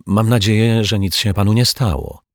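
A man's voice: on the low side, lively intonation, normal speed, vocal fry, no room sound, clean studio sound, pitched above the performer's own voice. A man voicing a fussy, cheerful detective who talks politely and eagerly. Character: fussy cheerful small-office male detective.

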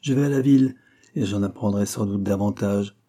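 A man voicing an older father who speaks with calm, gentle firmness, in a read-aloud novel. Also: lowish voice, a little fast, natural voice. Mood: gently firm. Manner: gently reproving.

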